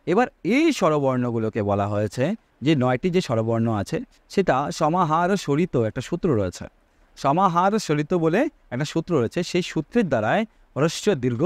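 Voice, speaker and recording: A man's voice: on the high side, no room sound. A man teaching a Sanskrit grammar lesson, asking his students rhetorical questions and drawing out vowel sounds to show their length.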